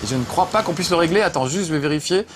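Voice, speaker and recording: A man hosts a video game show, chatting playfully while he plays and poking fun at himself. His fairly high voice is animated and racing, full of jokes and fillers, with background noise behind him.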